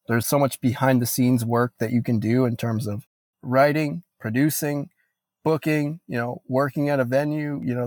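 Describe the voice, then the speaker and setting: A man's voice: mid-range voice, a little mellow, dry recording. Earnest man in his late twenties. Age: late 20s. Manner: earnest, reflective, frequent "you know" fillers. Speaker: guest musician. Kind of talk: casual interview.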